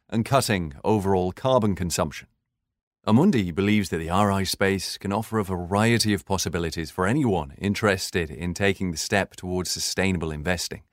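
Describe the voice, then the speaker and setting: A man narrating a scripted corporate podcast in a measured, formal, explanatory way. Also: deep voice, no echo, clean studio sound.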